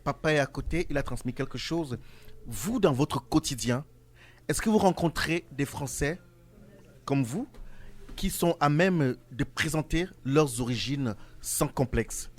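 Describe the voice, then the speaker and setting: A man hosting a radio talk show in a studio, asking his guests long, formal questions in a measured way. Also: on the high side, animated. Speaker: radio host.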